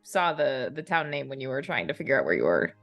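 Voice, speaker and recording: A woman's voice: a bass voice, very animated, fast, a bit bright, faint music behind. A woman acting as game master, bantering casually and setting improvised scenes for players.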